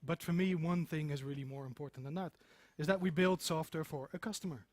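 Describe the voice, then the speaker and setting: Speaking a little fast in a slightly high voice, this middle-aged developer gives an informal conference talk indoors to people seated in a meeting room. He leans on emphasis and repeats phrases to drive points home, with no echo on the audio.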